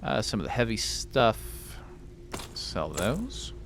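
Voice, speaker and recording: A man's voice: fairly low pitch, huge pitch swings, slow, noisy background. A man giving let's play commentary with rambling, joking asides. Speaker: gamer.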